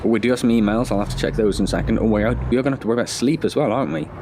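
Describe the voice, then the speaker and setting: A fairly low-pitched male voice races along against background noise. He's a gaming video host with a slight cold, casually narrating his thoughts while playing a driving game for his channel, chatty and self-deprecating throughout the let's-play.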